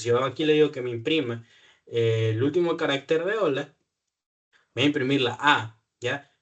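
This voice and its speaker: Speaking on the high side, a patient programming tutor works through a live one-on-one coding session. He constantly checks in with "¿ya?", thinks out loud with fillers, and corrects himself along the way.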